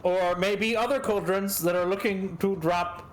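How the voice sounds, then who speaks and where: A man chatting casually as a tabletop game player, with halting, deliberate phrasing. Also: high-pitched, fairly even intonation.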